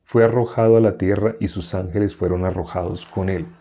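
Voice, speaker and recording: Guy teaching a bible class, lowish warm voice, keeps quizzing the group. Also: steady tone. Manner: keeps asking the group questions; repeats verses slowly, chuckling now and then.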